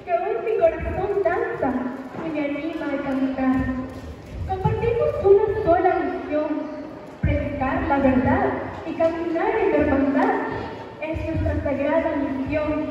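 A teenage girl with a Peruvian accent gives a grand, theatrical poetry declamation with solemn, emphatic, drawn-out phrases. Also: high-pitched, a crowd in the background. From Peru. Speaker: student contestant in a declamation contest. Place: open concrete school courtyard. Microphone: handheld microphone through PA, recorded by far camera. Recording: distant, echoey, muffled, noisy school-yard PA.

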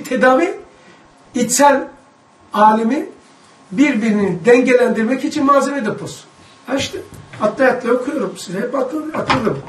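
A man leading a religious study lesson, reading aloud from a book and commenting emphatically, at times raising his voice to a shout. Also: very high-pitched. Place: indoor room with a group of students. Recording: echoey room, mic far off.

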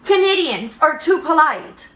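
A woman's voice: sits high, very animated, unhurried, bright, forceful tone. A young woman from Russia, doing a blunt, sarcastic, profane comedy monologue. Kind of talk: stand-up style comedy monologue. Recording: roomy echo.

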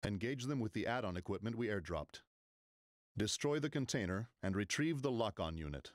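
A low-pitched, commanding military instructor in a video game, acted by a man. He briefs a trainee in clipped, impatient orders. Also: expressive, moderate pace, close to an everyday voice. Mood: stern, instructive. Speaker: mission commander. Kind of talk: scripted video game tutorial voice acting.

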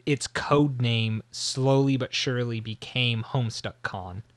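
Animated, rambling male podcast host. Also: medium pitch, measured pace, no echo. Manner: animated, rambling, frequent restarts. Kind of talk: casual podcast chat.

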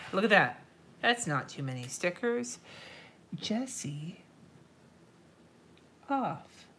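This woman speaks in a mid-range, slightly bright voice, with a bit of hiss or hum in the recording. Congested and nasal, she sits at an indoor desk decorating a planner on stream, talking casually, murmuring to herself, replying to viewers and swearing from time to time.

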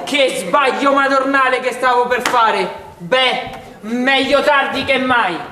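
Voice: high-pitched, slow, bright, forceful tone, slight background noise, full character voice. An amateur stage actor playing Righetto, an offended young suitor in a dialect comedy, indignant and declamatory. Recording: echoey hall with audience.

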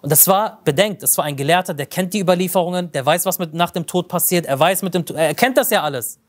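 Male lecturer, high voice, narrative teaching, explains terms as he goes. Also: quick pace. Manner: vivid storyteller who explains terms as he goes. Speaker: religious lecturer. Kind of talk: religious lecture with storytelling.

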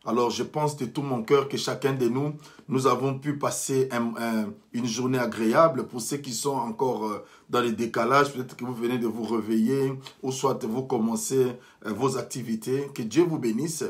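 A man's voice: mid-range voice, steady tone, normal speed. A man preaching a sermon as pastor, earnestly, often restarting phrases and blessing his listeners.

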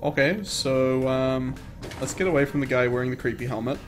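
Male streamer, casual chatty commentary, jokey, mid pitch, music clear in the background. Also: fairly even intonation, a little fast. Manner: chatty, joking, laughs often. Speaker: let's play streamer.

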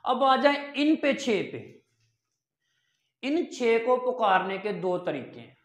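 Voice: mid-range voice, sing-song. A language teacher explains step by step, asking questions and then answering them. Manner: counts and repeats items slowly. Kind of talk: step-by-step online language lesson. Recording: roomy echo.

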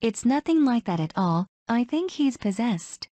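A serious cartoon mother, voiced by a synthetic woman, talks in a soft-toned, mellow voice of middling pitch. Her worried lines come out stilted and completely dry. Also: very animated, a little slow, no echo. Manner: stilted text-to-speech delivery. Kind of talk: animated cartoon dialogue.

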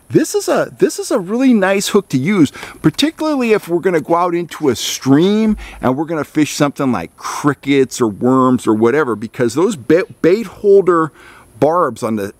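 A man's voice: on the high side, dry recording. A middle-aged man hosting a fishing channel, explaining gear to the camera outdoors in a pine forest in a plainspoken, folksy, step-by-step way. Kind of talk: casual instructional talk to camera.

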